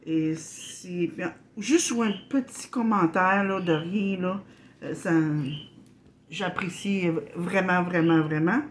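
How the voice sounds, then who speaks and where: A woman from Quebec with a Québécois accent, hosting a casual unboxing vlog, halting and apologetic, full of fillers and restarts. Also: fairly low pitch, slight background noise. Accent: Québécois French. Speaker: channel host.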